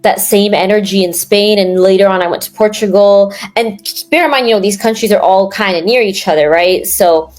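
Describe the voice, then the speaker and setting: A woman's voice: mid-range voice, a little fast, hardly any pauses, a little mellow. A young woman from New York in a casual interview, talking in a rambling way with lots of fillers and restarts. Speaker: guest.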